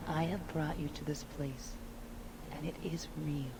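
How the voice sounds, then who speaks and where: A woman's voice: low-pitched, fairly even intonation, measured pace, noisy background. A woman voicing an ancient, solemn otherworldly servant of the gods in a fantasy video game, speaking formally and with portentous measure. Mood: solemn, foreboding.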